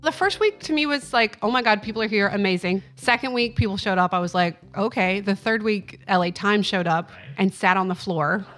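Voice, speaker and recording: A woman's voice: medium pitch, fairly quick, fairly bright tone, soft background music. A woman in an interview, recounting the early days of a show she helped run in an upbeat way.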